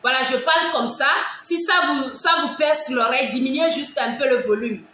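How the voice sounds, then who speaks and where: A woman with a Togolese French accent, talking loudly and emphatically to her viewers in casual commentary, often repeating herself. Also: sits high, moderate pace, a little hiss or hum. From Togo. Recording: very echoey room.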